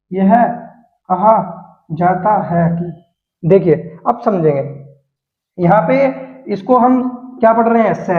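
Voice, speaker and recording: Guy teaching shorthand in a high voice, repeats every rule twice, sounds thin like a phone in an echoey room. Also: phone-quality sound. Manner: patient, repeats each rule twice, casual asides to viewers. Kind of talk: explaining steps while writing on a board.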